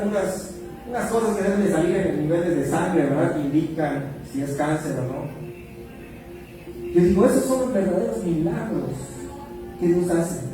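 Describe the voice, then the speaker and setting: A man, a pastor telling a personal testimony in a sermon, recorded from a distance in a church hall with music behind. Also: fairly high pitch. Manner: storytelling, animated when acting out quotes.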